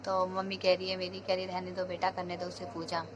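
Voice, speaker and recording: A woman's voice: on the low side, completely flat delivery, a little fast, muffled recording, noisy background. A young woman, a mother, chattily narrating a home video of her daughter in casual voice-over.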